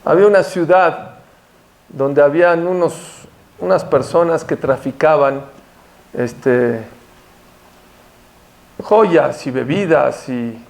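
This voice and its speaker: A man's voice: fairly high pitch, gravelly, a little mellow. A man giving a sermon to his class, telling stories and asking the audience questions. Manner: storytelling, asks the audience questions, sudden bursts. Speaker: rabbi lecturer. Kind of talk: Tisha B'Av sermon.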